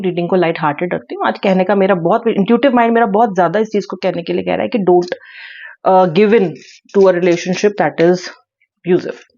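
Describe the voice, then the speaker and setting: A woman's voice: on the low side, warm tone, lo-fi sound. A woman giving a tarot reading to her viewers, speaking earnestly and repeating her key words. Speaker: tarot reader.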